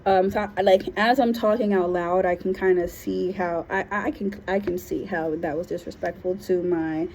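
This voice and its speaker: A woman's voice: fairly low pitch, steady tone, moderate pace, few pauses, a little mellow. A woman from Liberia casually telling a personal story, frank and slangy, with plenty of fillers. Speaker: vlogger. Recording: dull lo-fi sound with faint noise.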